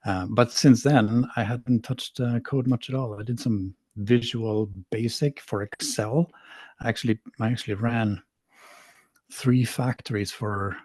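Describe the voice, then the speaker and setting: A man's voice: mid-range voice, steady tone, measured pace, darkish tone, breathy edge, dry recording. A middle-aged man from Sweden, a podcast guest talking casually, rambling and self-deprecating with frequent restarts. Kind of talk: casual interview talk.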